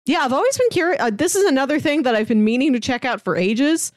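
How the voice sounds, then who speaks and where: This woman's voice sits high, expressive and quick, as she co-hosts a casual podcast. She pitches films and reads synopses in a chatty way, with hesitant asides. The studio sound is clean and echo-free.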